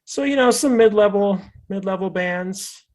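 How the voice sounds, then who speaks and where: With a high-pitched, darkish voice and a slightly slow delivery, a Fargo, North Dakota man hosts a podcast. His chat is casual, meandering, laid-back and full of jokes.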